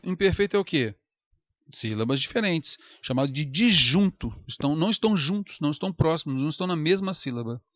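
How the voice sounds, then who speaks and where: Lively teacher drawing out words. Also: male voice, fairly high pitch, no echo, clean studio sound. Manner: lively, stretches out example words slowly. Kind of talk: recorded grammar lecture.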